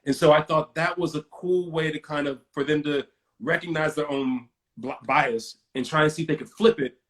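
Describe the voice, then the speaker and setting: A man hosts a live video chat in a loose, rambling way, full of fillers and restarts. His voice sits a little high for a man, and it comes through a video call. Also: fairly even intonation, normal speed. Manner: reads out viewer comments. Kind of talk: casual conversation.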